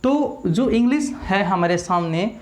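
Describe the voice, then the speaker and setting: A man teaching a video English class in Hindi, saying each word slowly and asking listeners to repeat it back. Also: high-pitched, lively intonation, darkish tone. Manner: drills words slowly, repeats them, asks the class to repeat. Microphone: small camera in front of him.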